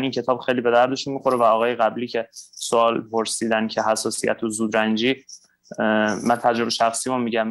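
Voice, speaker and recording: A male TV host politely relays viewer questions, hesitating often with fillers. His delivery is flat and monotone. The sound is dry and close. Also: medium pitch, no room sound. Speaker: TV show host. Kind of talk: TV talk show hosting.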